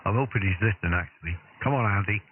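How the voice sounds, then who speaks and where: A man working as a radio operator over a crackly two-way radio, courteous and relaxed, giving call signs. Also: lowish voice, fast, loud music behind the voice. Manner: relaxed and courteous, saying sir often. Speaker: amateur radio operator on a live stream. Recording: crackly narrow-band radio with static noise.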